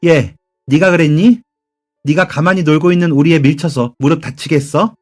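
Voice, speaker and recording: A fiercely protective mother snaps at everyone around her, loud and sharp, in a narrated radio story, as a man puts her on. Her pitch rises a little above his usual reading voice, and soft music plays underneath. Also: moderate pace, natural voice. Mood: indignant, scolding. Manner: sharp and scolding. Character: angry protective divorced mother, 30s.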